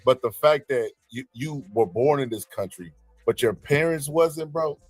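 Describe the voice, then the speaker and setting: A man's voice: medium pitch, slightly rough, no echo, faint music behind. A man hosting a live political debate stream, calling on speakers and ribbing them in slangy talk. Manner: slangy, teasing, quick to call on callers. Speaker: debate show host.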